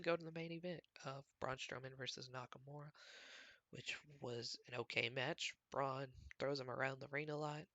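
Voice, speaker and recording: Hosting his own sports show from home, a man recaps casually, rambling and conversational, with plenty of fillers. His medium-pitched voice sounds pushed and bright, and there's no room sound.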